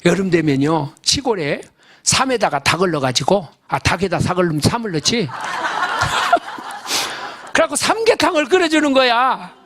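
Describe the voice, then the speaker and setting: A man's voice: sits high, very animated, a little fast, a bit bright, slight background noise. An older man preaching a sermon as a pastor. He tells a story in a folksy, emphatic way and keeps asking the congregation questions. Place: church service.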